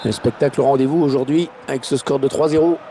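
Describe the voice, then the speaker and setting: A man commentating on a football match in an excited play-by-play style, his voice rising at chances and goals. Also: medium pitch, quick pace, slight background noise, close to an everyday voice. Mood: engaged. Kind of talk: excited goal-call sports commentary.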